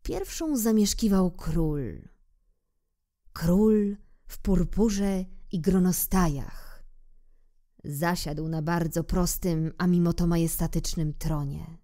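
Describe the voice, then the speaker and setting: Calm woman reading a kids' story aloud, slow and mellow. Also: fairly low pitch. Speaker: audiobook reader. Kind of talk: storybook narration.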